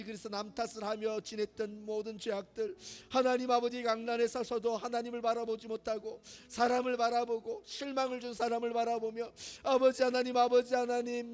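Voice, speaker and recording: A male pastor leading a congregation in fervent, pleading prayer, repeating his invocations again and again. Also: high voice. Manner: repetitive pleading invocations, rising to impassioned crying out. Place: church sanctuary.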